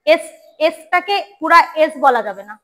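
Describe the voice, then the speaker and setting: A woman runs a pronunciation drill in a classroom, her voice sitting high. She repeats each word several times and corrects her students as she goes. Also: expressive, moderate pace, bright, forceful tone, low-quality recording. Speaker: English pronunciation teacher.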